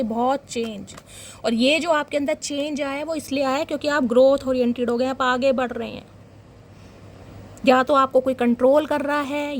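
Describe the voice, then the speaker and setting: A young woman with a high voice gives a dramatic, animated tarot reading and talks straight to her viewers. A faint hiss of noise sits under her voice. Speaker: tarot reader.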